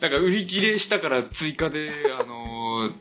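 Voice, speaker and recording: A man's voice: on the high side, lively intonation, normal speed. A man hosting a podcast, chatting casually with a guest. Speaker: podcast host. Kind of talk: casual interview chat. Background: background music.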